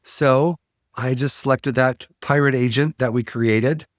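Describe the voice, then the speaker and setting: A man hosting a podcast, walking through a software demo in a casual, explanatory way with frequent fillers. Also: medium pitch, steady tone, unhurried, dry recording, studio quality. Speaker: podcast host.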